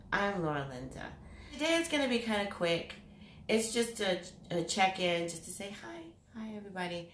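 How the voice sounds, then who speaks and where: A woman hosting her own vlog chats casually to camera, giggling and rambling off into tangents. Her voice is lowish, and the recording, made in an echoey room full of mirrors, carries a little hiss or hum.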